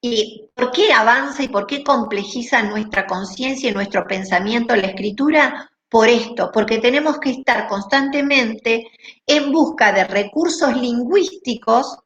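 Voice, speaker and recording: A woman teaching a class, explaining step by step in a deliberate way and often checking that students follow. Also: on the high side, lo-fi sound. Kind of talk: online class lecture. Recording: roomy echo.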